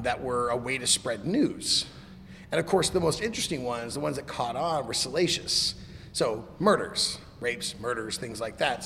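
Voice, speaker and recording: Gravelly smoker's rasp, man in echoey room. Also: mid-range voice, bright, forceful tone. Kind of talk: casual conversation about music. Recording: reverberant room with background noise.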